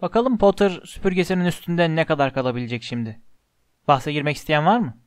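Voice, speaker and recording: A man reads a spiteful schoolboy bully with a mocking, taunting edge in a slightly high voice. The audiobook sound is close and dry. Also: quick pace, clear, resonant tone, no room sound, lightly acted. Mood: sneering. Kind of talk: audiobook character voice.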